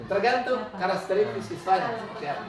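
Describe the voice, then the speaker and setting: A woman's voice: mid-range voice, normal speed. Woman presenter in an echoey room. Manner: explanatory, acts out classroom examples. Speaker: school principal and facilitator. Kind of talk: webinar module presentation. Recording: echoey room, mic far off, crowd noise.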